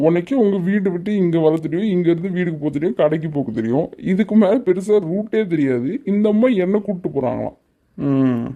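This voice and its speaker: A woman's voice: fairly low pitch, animated, a little fast, phone-quality sound. A woman voicing a teasing, lovestruck young man in a cartoon, coaxing and playfully bossy. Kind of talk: cartoon voice acting.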